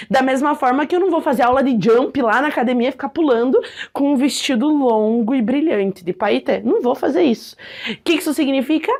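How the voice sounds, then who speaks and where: High-voiced, playful teacher. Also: female voice. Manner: lively, playful, acts out examples. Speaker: Portuguese language teacher. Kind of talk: educational video lesson.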